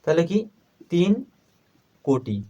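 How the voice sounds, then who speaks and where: A man teaching a primary school math lesson, asking questions and answering them himself, repeating each number slowly as he writes. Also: a little high, lively intonation, dark tone, muffled recording. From Bangladesh.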